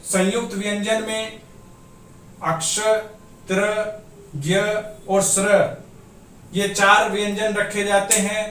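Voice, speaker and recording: A man gives a grammar lesson for exam preparation, explaining each point step by step and dictating notes. His voice sits high and he speaks at an unhurried pace. He is a little away from the mic, in a room that echoes. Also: little pitch movement, a bit bright, distant mic. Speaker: teacher.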